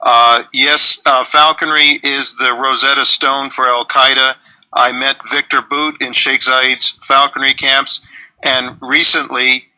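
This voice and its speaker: A man's voice: mid-range voice, flat delivery, a little slow, sharp tone, rough recording. A man heard over a phone speaker during a call, speaking formally and deferentially. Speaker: caller.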